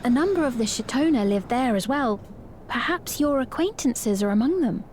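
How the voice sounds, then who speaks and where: A woman's voice: a little high, expressive, normal speed, darkish tone, slight background noise, close to an everyday voice. A woman voicing a gracious, earnest young queen in a fantasy video game, with formal, courtly diction. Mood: formal, composed.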